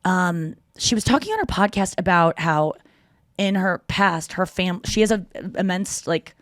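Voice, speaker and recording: A woman's voice: lowish voice, lively intonation, a little slow, no echo. Woman, late thirties, podcast host, casual jokey rambling chat, dry close sound. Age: 30s.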